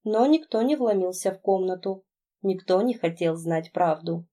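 A woman narrating an audiobook in the first person, telling the story in an emotional, expressive way. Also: lowish voice, normal speed.

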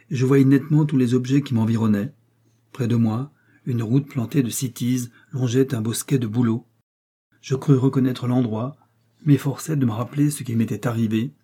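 A man reading a novel aloud as an audiobook narrator, in measured and dramatic storytelling. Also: medium pitch, mellow, husky.

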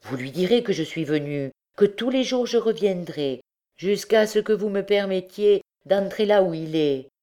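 A woman's voice: mid-range voice, lively intonation, moderate pace, warm tone, pitched above the performer's own voice, close to an everyday voice. A woman reading aloud, voicing a desperate mother who pleads fervently, her voice raised above her usual tone. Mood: pleading. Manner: fervent, imploring. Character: desperate pleading peasant mother, middle-aged.

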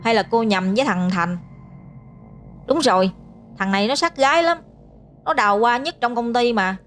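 Brief: woman doing a jumpy man near thirty, stammers when scared, higher-pitched voice. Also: normal speed, a bit bright, soft background music, lightly acted. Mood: protesting. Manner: stammering, frightened pleading. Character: jumpy nearly thirty-year-old man, easily scared.

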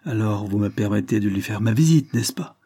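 A man reading the part of a frank, good-humoured young gentleman in an audiobook, with a light manner. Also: lowish voice, lively intonation, fairly quick, slightly rough, no room sound, studio quality. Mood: cheerful.

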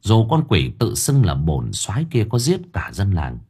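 A man's voice: lowish voice, huge pitch swings, moderate pace, warm tone, husky. A man narrating a horror story in a dramatic storytelling manner. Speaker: audiobook narrator.

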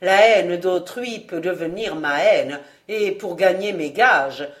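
A woman reading aloud, voicing an insolent male valet who speaks calmly and mockingly. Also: fairly low pitch. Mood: ironic. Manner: mocking, unhurried, calm.

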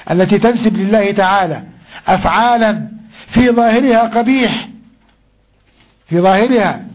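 An older man gives a Quran lesson in a high, husky voice. He puts questions to the class and answers them himself, stretching out verses syllable by syllable. The recording is dull and lo-fi. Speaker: Quran teacher.

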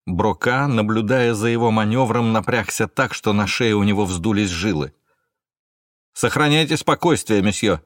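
A man narrating a thriller audiobook in a measured, steady way. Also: fairly low pitch, no echo, studio quality.

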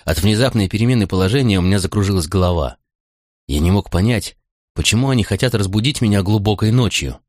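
A man giving measured first-person audiobook narration. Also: lowish voice, animated, a little mellow, dry recording, studio quality.

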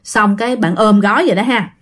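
A woman's voice: mid-range voice, fairly quick, fairly bright tone. A woman telling a ghost story in a chatty way, often addressing her listeners directly. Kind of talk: casual ghost-story narration.

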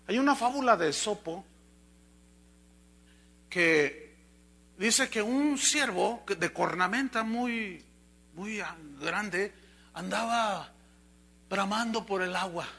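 Pastor guy preaching a sermon, high sharp voice, acts out the story. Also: slow pace, long pauses, slightly rough. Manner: animated storytelling, acting out the animals' voices.

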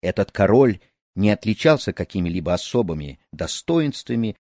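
Guy telling a folk tale, really lively pitch, dry close sound. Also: normal speed, dry recording. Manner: expressive, animated storyteller. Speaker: narrator. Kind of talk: storytelling narration of a folk tale.

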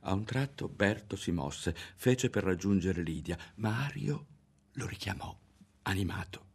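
A man narrating a literary novel aloud in a measured, grave manner. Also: low-pitched, lively intonation, slightly rough. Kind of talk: literary audiobook reading.

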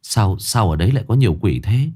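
A man voicing a frightened young male reporter who stammers in a hushed voice. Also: fairly low pitch, expressive, fast talker. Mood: anxious.

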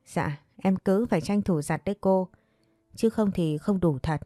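A woman's voice: on the low side, a little slow, mellow, no room sound, studio quality, soft background music, close to an everyday voice. A woman voicing a timid young servant girl who answers humbly and begs forgiveness. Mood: deferential. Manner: meek, pleading, deferential.

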